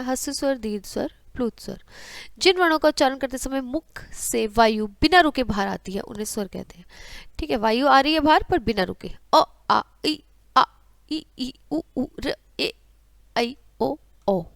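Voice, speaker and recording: A young woman teaches a school grammar class, sounding out the letters one by one in steady drills. Her voice sits a little high. The sound is dry and close, with no room echo. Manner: addresses students as beta, recites letters in drills. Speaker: Hindi teacher.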